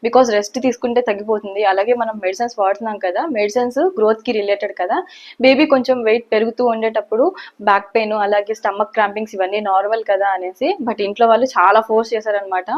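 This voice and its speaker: Fast-talking young woman telling a story. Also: medium pitch, fairly even intonation. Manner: chatty, rambling, repeats "anamaata" often. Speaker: vlogger. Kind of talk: casual first-person storytelling. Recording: dull lo-fi sound.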